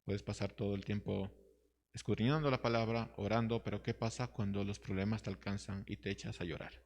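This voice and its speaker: A man's voice: lowish voice, steady tone, a little fast, a little mellow. A man teaching a Bible study class, reading scripture aloud and asking his listeners questions. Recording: hall reverb.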